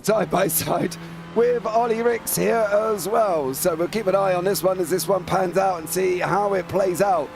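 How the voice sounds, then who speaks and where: A man commentating live on a motorsport race as the main caller, in an excitable, informal, chatty manner. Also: high voice, vocal fry.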